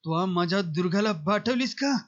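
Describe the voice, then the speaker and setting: A man voicing an enraged, burly male beggar who speaks loudly and bluntly. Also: high voice, steady tone, measured pace, muffled recording. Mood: angry.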